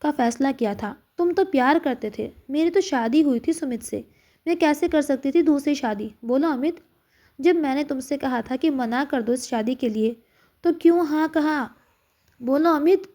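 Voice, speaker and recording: A woman's voice: high-pitched, normal speed, dark tone, natural voice. A woman voicing a grieving young widow who speaks with tearful reproach in a read-aloud story.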